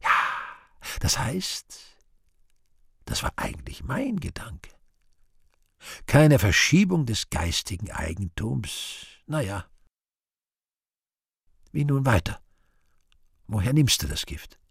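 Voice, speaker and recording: In a theatrical radio play monologue, a male actor voices a vain, scheming devil who broods aloud in a self-questioning mood, using a full character voice. His gravelly, husky voice swings widely in pitch, from low muttering to high exclamations, at a slow pace with long pauses. The recording is dry and close, with no room sound.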